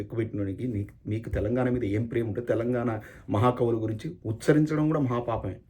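Guy ranting about politics, quick and fired up, deep mellow voice. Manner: fiery, rhetorical, repeats angry questions. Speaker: political commentator. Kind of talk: impassioned political speech.

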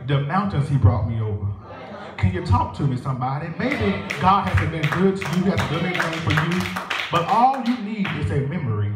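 Organ music plays as a young Southern US man preaches and leads prayer in a church sanctuary, his slightly high voice sing-song and moderately paced with rhythmic call-and-response. He uses a stand mic at the pulpit, filmed by a distant camera, and the echoey church sounds far away.

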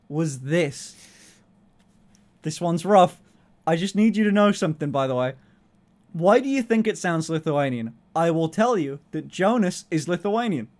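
Streaming from her bedroom through an arm-mounted desk mic, a young woman with a lowish, darkish voice chats casually, laughing and swearing a lot.

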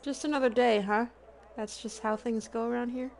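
A game streamer gives casual commentary, talking to herself with self-deprecating humor and sometimes fumbling for words. Her slightly high voice keeps a fairly even intonation at a moderate pace, a little mellow with vocal fry. Game music and sounds play behind her, along with a faint hiss or hum.

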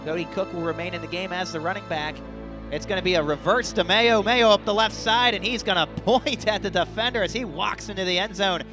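A young American man doing live football play-by-play with an excited touchdown call. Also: high voice, a little fast, music in the background. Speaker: play-by-play announcer.

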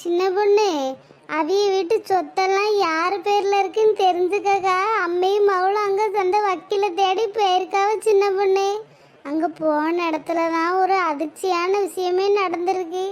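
A woman voicing cartoon village women in rapid gossiping dialogue. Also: very high voice, fairly even intonation. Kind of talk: cartoon voice acting.

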